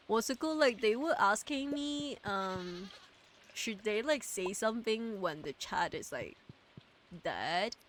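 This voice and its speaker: The streamer, a woman with a mid-range voice, talks loosely to her chat during a game livestream. She fills her speech with fillers, trails off, and restarts. A little hiss or hum can be heard.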